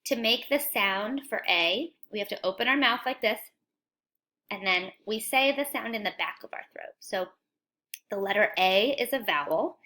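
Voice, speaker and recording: A woman teaching young children a phonics lesson, talking slowly and clearly in an encouraging sing-song way. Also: a little high, sharp tone.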